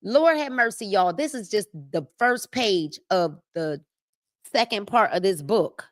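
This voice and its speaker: A woman, hosting a live book club and reading aloud with preachy, drawn-out emphasis and asides to her viewers. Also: medium pitch, lively intonation, no echo, studio quality. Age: 50s. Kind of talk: live-stream book reading and motivational talk.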